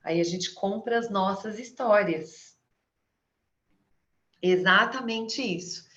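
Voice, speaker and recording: A woman's voice: medium pitch, slow pace, a bit bright. A middle-aged Brazilian woman coaching on sales, talking conversationally and often asking her audience questions. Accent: Brazilian Portuguese. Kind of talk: live coaching talk to an audience. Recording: slightly dull lo-fi audio.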